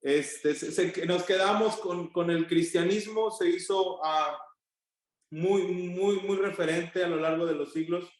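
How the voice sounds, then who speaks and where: Guy teaching online, high voice, lots of "ok?", super echoey room. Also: fairly even intonation, a little slow. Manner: conversational, checks in with frequent "ok?". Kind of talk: online class lecture with anecdotes.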